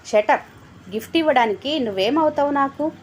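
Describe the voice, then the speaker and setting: A woman's voice: high-pitched, animated, moderate pace, slight background noise, voice pushed up. A woman voicing a young married woman who scolds and pleads with a blackmailer in an agitated, indignant voice.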